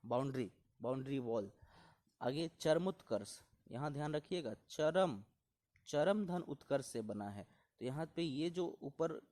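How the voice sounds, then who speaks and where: A man's voice: mid-range voice, darkish tone. A male teacher going through correct Hindi spellings word by word for exam students, repeating each word and telling them to take care. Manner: repeats words slowly and reminds students to pay attention. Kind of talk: exam-prep spelling lesson.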